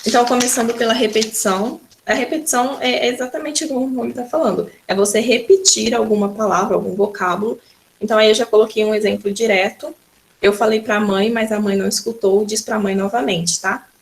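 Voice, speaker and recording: Speaking a little fast in a fairly high, creaky voice with a steady tone, a Brazilian-accented teacher delivers a recorded school lesson. She explains things patiently and keeps beginning sentences with "então."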